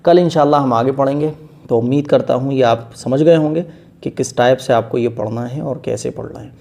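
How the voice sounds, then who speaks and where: A man's voice: medium pitch, vocal fry, a little mellow. A man teaching a beginners' Quran reading lesson, explaining letter sounds patiently and stretching each letter long in one breath.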